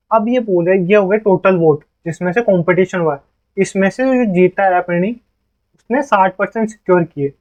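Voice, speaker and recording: A man's voice: sits high, narrow, tinny audio. A man teaching maths, solving exam questions step by step and answering his own questions as he goes. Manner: explains aloud, asks and answers his own questions, reads English questions slowly.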